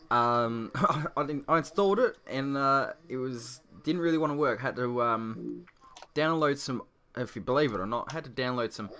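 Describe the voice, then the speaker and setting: A man's voice: mid-range voice, fairly bright tone. A man in his twenties with an Australian accent, chatting loosely about an old game in a rambling, laid-back way, his voice echoing in a nearly empty room at home. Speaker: gaming video creator. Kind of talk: casual gameplay commentary.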